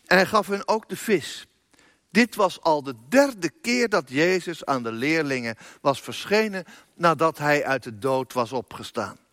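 A man's voice: fairly high pitch, a bit bright, no echo, clean studio sound. A pastor reading a Bible passage aloud in a church service, lifting his voice for the quoted speech.

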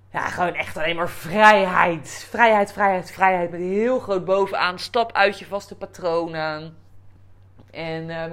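Animated Dutch woman telling a story. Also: fairly low pitch. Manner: animated, lively quoting with bursts of swearing. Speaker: podcast host. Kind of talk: personal storytelling.

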